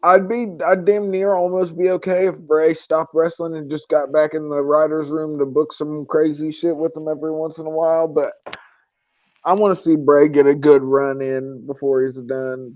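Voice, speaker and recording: A man's voice: on the high side, a little mellow, no echo, highs cut off. A man co-hosting a wrestling podcast, talking bluntly and casually with plenty of slang. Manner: slangy, blunt, says "bruh" often. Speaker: podcast co-host.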